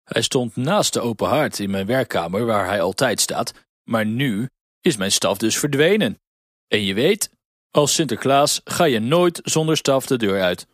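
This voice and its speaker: A man's voice: mid-range voice, expressive, unhurried, no room sound, clean studio sound. A man doing a kindly old saint. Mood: concerned. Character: kindly dignified old saint, gentle and steady.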